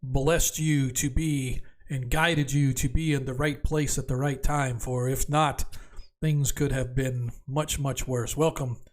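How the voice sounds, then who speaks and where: A man's voice: mid-range voice, steady tone, unhurried, natural voice. A man playing a reverent, grateful priest with solemn, formal speech in a tabletop game. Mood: solemn welcome. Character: grateful, reverent male priest of a fantasy faith.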